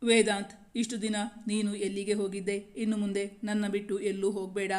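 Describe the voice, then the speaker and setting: A woman's voice: mid-range voice, level tone, a little fast, darkish tone, lightly acted. A woman voicing a frail young bride in a hospital bed who pleads with her husband in a storybook reading. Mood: pleading.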